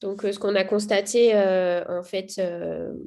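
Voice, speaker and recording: A woman's voice: medium pitch, fairly even intonation, a little slow, gravelly, dark tone. A woman talks through her experience as a mother in an easygoing, unscripted way. She hesitates often, restarting sentences and filling gaps with small sounds while she searches for words. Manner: hesitant, many fillers and restarts. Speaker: mother giving a testimonial. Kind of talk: casual spoken testimonial.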